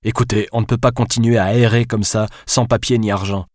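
Audiobook casting: a man doing a defensive, stubborn fugitive, low voice, dry and close. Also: steady tone, brisk, darkish tone, no echo, lightly acted. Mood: grumbling. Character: frustrated man on the run, stubborn. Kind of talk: audiobook character voice.

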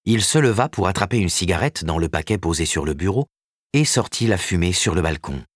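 A man narrating a novel with measured, expressive storytelling and a husky voice. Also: low-pitched, no echo, clean studio sound. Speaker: audiobook narrator. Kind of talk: scripted narration.

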